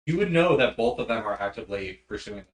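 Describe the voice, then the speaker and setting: Lively man running the game from afar. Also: on the low side, fast. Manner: laughs easily, questions players closely. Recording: roomy sound, distant mic.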